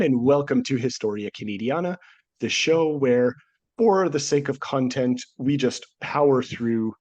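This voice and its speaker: A man with a medium-pitched, slightly mellow voice hosts a casual history podcast from a remote home studio. He's sick with a cold that has nearly taken his voice, yet he jokes and laughs often.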